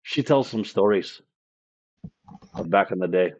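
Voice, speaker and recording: A man voicing a gruff male camp storyteller with a put-on Scottish accent and a folksy, teasing way of talking. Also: low voice, animated, unhurried, a little mellow, muffled recording. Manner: folksy, rough-spoken, teasing.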